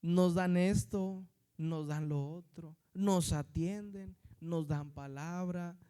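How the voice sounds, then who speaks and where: A man with a northern Mexican accent delivers a sermon in a notably high voice. He preaches in a chatty way, constantly tagging his sentences with questions and addressing the congregation as brothers and sisters. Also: fairly even intonation, takes it slowly, mellow, clear, resonant tone.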